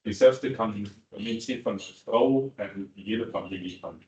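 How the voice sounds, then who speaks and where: A man's voice: fairly low pitch, a little slow, darkish tone. A man from Germany, a guest introducing himself, tentative and trailing off. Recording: muffled echoey hall.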